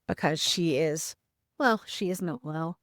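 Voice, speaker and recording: A woman's voice: sits low, measured pace, fairly bright tone, no echo, studio quality. A woman hosting a casual travel vlog, chatty and upbeat, talking straight to her viewers, with some scripted voice-over. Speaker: vlog host.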